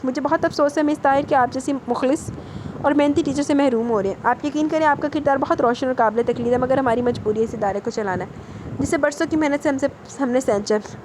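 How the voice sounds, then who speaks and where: A woman's voice: sits high, background noise, lightly acted. Formal, apologetic middle-aged headmistress from a storybook reading, read by a woman.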